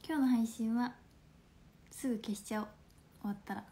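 A woman in her twenties from Fukuoka with a Hakata accent, chatting playfully on a phone livestream at home, laughing often and slipping into soft asides. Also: a little high, fairly even intonation, a little fast. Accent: Hakata dialect. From Fukuoka, Japan. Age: 20s. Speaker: livestream host. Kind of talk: casual livestream chat reading viewer comments.

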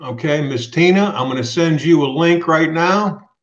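A man's voice: a little high, moderate pace. A middle-aged man runs a live video chat from a small room at home, speaking firmly and directly. His webcam sound is roomy and a little dull. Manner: firm, direct, reads viewer questions aloud. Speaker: host of a live trucking channel. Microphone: webcam on a video call.

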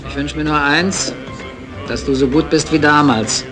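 A man acting as an admiring colleague in a film drama. His fairly high voice is familiar and enthusiastic, with loud music behind him. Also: fairly even intonation, normal speed, close to an everyday voice. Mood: chatty, eager.

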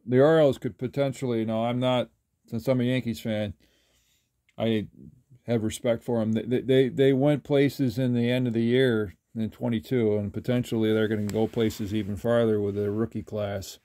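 An older man talking casually while sorting trading cards, rambling with halting restarts. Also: mid-range voice, level tone, mellow, no echo, clean studio sound. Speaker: trading card collector. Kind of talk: casual card-flipping commentary. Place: indoors at a table.

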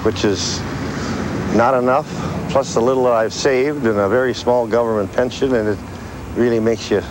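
A man's voice: mid-range voice, steady tone, normal speed. An older man, past sixty, answering plainly in an unscripted street interview. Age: 60s or older. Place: outdoors in the street. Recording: outdoor street interview with clear noise.

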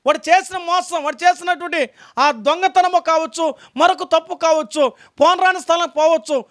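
Very high-voiced preaching man. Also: steady tone, moderate pace, a bit bright. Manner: emphatic preaching with repeated rhetorical questions; calls out lines for a reader to read aloud. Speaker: pastor. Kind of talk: sermon.

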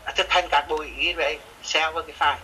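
A man, a music teacher, walking a student through notation software step by step, repeating each instruction patiently. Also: fairly high pitch, steady tone, quick pace, slight background noise, low-quality recording. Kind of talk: remote software lesson.

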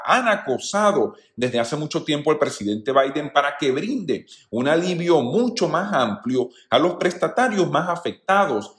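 A man hosting a news channel, giving opinionated commentary in voice-over and addressing viewers as friends. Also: a little high. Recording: roomy echo.

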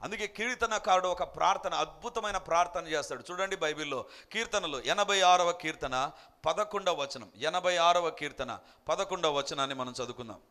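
A man's voice: fairly high pitch, brisk, sharp tone. A male pastor preaching a sermon, telling stories with animation and building to emphatic exhortation.

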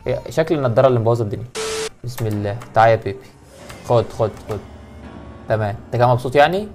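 A man's voice: medium pitch, animated, very fast, music in the background. A young man with an Egyptian accent commentating a horror game, joking and muttering prayers when startled. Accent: Egyptian Arabic. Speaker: gaming YouTuber.

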